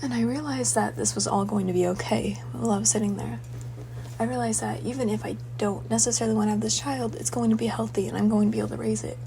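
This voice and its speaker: Young woman, hazy halting dream recounting. Gravelly fry, breathy, mellow tone, noticeable background hum. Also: fairly high pitch, steady tone. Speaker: dream diarist. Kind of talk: casual personal dream recounting.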